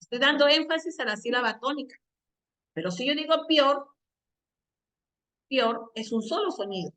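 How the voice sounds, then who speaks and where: A woman with a high, bright voice gives a classroom grammar lesson. She explains patiently, checks in with short questions and drags out the examples she wants students to hear. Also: expressive. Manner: slows down to stress quoted examples. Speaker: teacher. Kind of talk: classroom lesson on Spanish usage.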